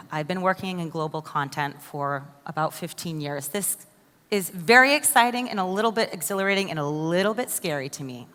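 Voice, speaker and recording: With a lowish voice and moderate pace, a woman from the United States presents a conference keynote, eagerly questioning her listeners. The tone is fairly bright, and the big hall adds a long reverb.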